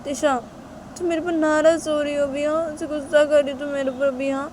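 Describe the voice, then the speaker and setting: A woman voicing a gentle young woman who coaxes her angry partner, repeating little questions. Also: high-pitched, little pitch movement, brisk, noisy background, voice pushed up, lightly acted. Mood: pleading. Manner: coaxing, repeats "kya hai?" and "haan?". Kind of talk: amateur storytelling role-play.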